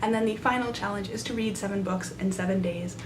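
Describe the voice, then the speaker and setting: Young woman vlogging in a small room, excited chatty talk, medium pitch, clear background rumble. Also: fast. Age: young adult. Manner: enthusiastic. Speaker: book vlogger. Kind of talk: casual chat to camera. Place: small side room in a library, indoors. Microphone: camera at arm's length. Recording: noisy room with low rumble.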